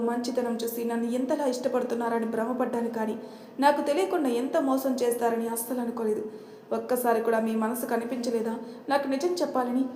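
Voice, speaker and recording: A woman reading a storybook voicing a betrayed young bride, fierce and tearful, hurling loud accusations. The voice sits fairly high for a woman. The room rings with a roomy echo. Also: a little hiss or hum, close to an everyday voice.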